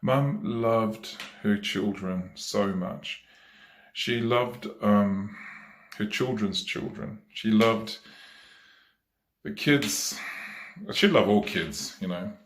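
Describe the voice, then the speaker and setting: A man giving a eulogy for his mother at a memorial service, talking slowly and haltingly with many pauses and fillers. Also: lowish voice, echoey room, slight background noise.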